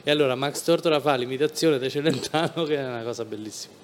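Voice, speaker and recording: A man co-hosting a podcast, telling stories and pitching ideas with enthusiasm in casual chat. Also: fast talker. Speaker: podcast co-host.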